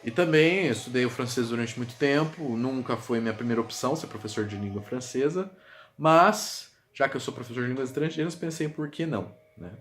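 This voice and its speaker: A man's voice: mid-range voice, animated, fairly quick. A man who teaches languages, casually explaining words in a vlog and repeating example words aloud, with many fillers. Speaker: language teacher and video creator. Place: home room with a gaming setup. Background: music playing softly in the background.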